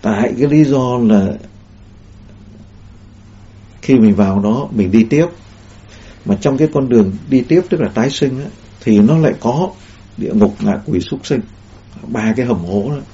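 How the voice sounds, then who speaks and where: A man's voice: medium pitch, normal speed, long pauses, warm tone. A man giving a Buddhist dharma talk in a rambling way, with many fillers and restarts. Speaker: Buddhist teacher. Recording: dull lo-fi recording.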